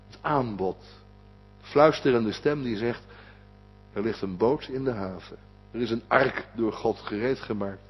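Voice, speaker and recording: A pastor, a man, preaching a sermon, swinging from loud urging to a hushed whisper. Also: medium pitch, slightly rough. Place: church. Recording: dull lo-fi recording with long church reverb.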